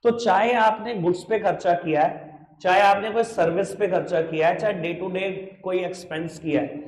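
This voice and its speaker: High-voiced, playful male accounts teacher. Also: fairly even intonation, normal speed. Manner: playful, coaxing, calls students affectionate nicknames. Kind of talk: classroom lecture. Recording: echoey room with faint noise.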